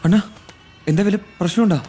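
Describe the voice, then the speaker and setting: A man's voice: high voice, fast, mellow, lightly acted. An actor playing an anxious young man who complains in an aggrieved, whiny way in a film comedy. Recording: film scene with faint music.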